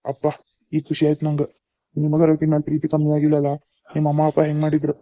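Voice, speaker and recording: A man's voice: fairly high pitch, monotone, quick pace, mellow, dry recording, lightly acted. A man voicing an earnest young husband. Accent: North Karnataka Kannada. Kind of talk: cartoon voice acting.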